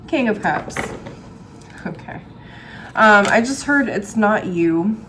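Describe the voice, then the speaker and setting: A woman's voice: mid-range voice, background noise. A woman giving a casual, chatty tarot reading to viewers, with a dry throat from a cold and frequent swallowing. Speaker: tarot reader and astrologer host.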